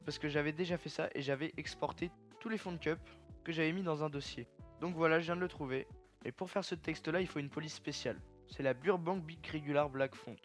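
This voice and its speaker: A young man casually talking viewers through a software tutorial step by step, chatty and informal. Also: on the high side. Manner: chatty, step-by-step, addresses viewers as "les gars". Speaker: tutorial creator.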